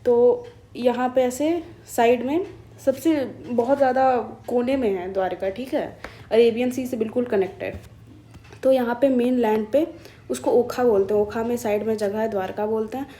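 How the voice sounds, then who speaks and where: A woman's voice: a little high, moderate pace, warm tone. A woman from India teaching current affairs to exam students in a chatty, explanatory way. She mixes in English phrases and thinks aloud, with small hesitations and self-corrections.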